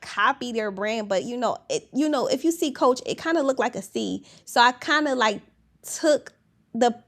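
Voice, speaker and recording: This podcast host is a young woman whose voice sits on the high side, gravelly yet girlish and almost baby-like. She rambles through a casual chat packed with fillers, restarts and giggles.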